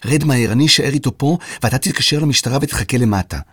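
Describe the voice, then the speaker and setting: A man's voice: medium pitch, a bit bright, breathy edge, dry recording, studio quality, voice pushed up. A man voicing an impatient, anxious young girl in a children's audio story. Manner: impatient, tense, questioning.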